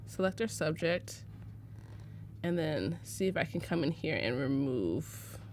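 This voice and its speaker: Teaching photo editing on a live stream, this young Arizona woman keeps things casual and chatty, laughing easily and using lots of fillers. She has a low, darkish voice, very animated, delivered at a measured pace.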